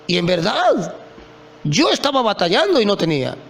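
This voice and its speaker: A man's voice: high-pitched, huge pitch swings, normal speed, gravelly, fairly bright tone. A man preaching an impassioned sermon, often calling out to his listeners as brothers.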